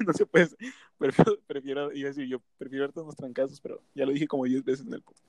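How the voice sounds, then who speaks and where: A man's voice: medium pitch, fairly even intonation, quick pace, darkish tone, no echo. A young man with a Mexican Spanish accent, co-hosting a casual podcast, joking and teasing and laughing often. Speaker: podcast co-host.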